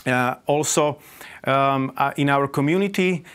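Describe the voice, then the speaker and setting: Halting Slovak man presenting. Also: medium pitch, fairly bright tone, clear, resonant tone. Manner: halting, many fillers. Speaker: chess organizer presenter. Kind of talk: conference presentation.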